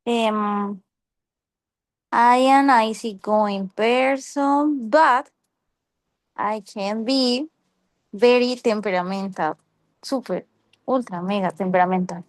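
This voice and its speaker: A woman whose first language is Spanish practices English in an online class over a video call. She speaks slowly and haltingly, filling pauses with hums and ums while she searches for words. Her voice sits a little high, and the sound is dry and close. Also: no echo. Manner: hesitant, searching for words, many fillers. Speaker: English student.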